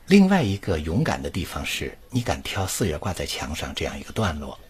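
A man's voice: wildly swooping pitch, brisk, husky. A man teaching recitation over an online voice chat, reading lines aloud as examples and explaining where the stresses fall. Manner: demonstrates lines with wide pitch swings.

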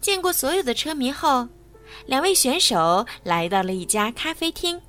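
Brief: female children's storyteller, animated bedtime narration, bright-ish pitch, faint music behind. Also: normal speed. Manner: lively and expressive for children.

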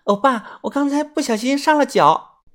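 A narrator voicing a sweet, coy young woman who talks softly and pleadingly. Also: high voice, expressive, normal speed, voice pushed up.

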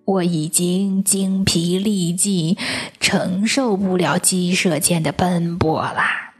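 This is a worn-out old grandfather storyteller, put on by a woman reading a picture book. He speaks slowly and heavily, sighing through his words, a little lower and breathier than the reader's own voice. Gentle music plays quietly behind him. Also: lively intonation. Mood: sorrowful. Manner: slow, sighing, heavy delivery.

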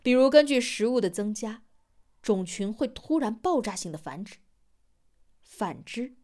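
A woman narrating a novel as an audiobook in measured storytelling style, giving voice to every character. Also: on the high side, lively intonation, a little mellow.

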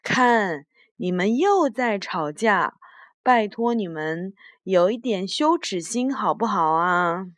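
A woman voicing a sensible talking raven who croaks and scolds quarreling grown-ups in a children's story. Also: mid-range voice, animated, slow pace, no room sound, studio quality. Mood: scolding.

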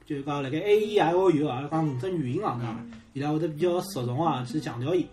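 A man, a guest English teacher, explaining slowly and hesitantly. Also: fairly high pitch, over music. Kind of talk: casual chat.

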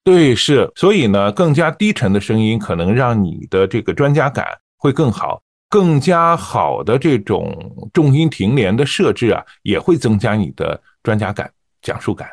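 A man coaching listeners on reading aloud, explaining in a calm, measured way with small fillers. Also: mid-range voice, dry recording, studio quality. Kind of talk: teaching on-air reading technique.

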